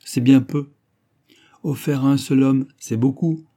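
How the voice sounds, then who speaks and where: A man's voice: medium pitch, fairly even intonation, measured pace, dark tone. A man voicing a bitter, powerless young king of 22, declaiming with rising indignation. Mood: resolute.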